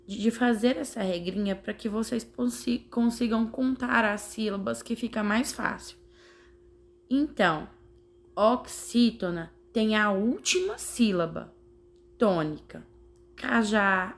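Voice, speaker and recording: A woman teacher, explaining a grammar lesson slowly and carefully, sounding out syllables. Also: medium pitch, expressive, gravelly. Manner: slow, carefully spelling out syllables. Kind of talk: slow classroom explanation.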